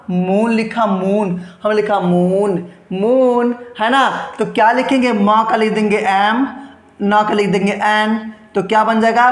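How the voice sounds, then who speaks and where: In an echoey, spacious room, a man with a high-pitched voice teaches English grammar in Hindi. He poses questions to himself, keeps saying "understand," and draws words out slowly to demonstrate their sounds.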